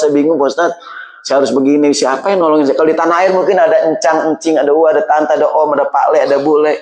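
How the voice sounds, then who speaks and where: A man preaching a casual sermon in a mosque. He talks in lively slang and jumps high in pitch when he quotes other people. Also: rough recording.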